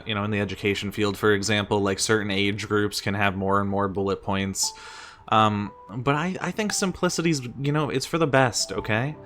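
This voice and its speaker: Us guy with a lowish voice doing a casual explainer, kinda exasperated, asks questions n answers them himself, music playing behind. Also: fairly bright tone. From United States. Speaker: streamer and teacher giving presentation tips.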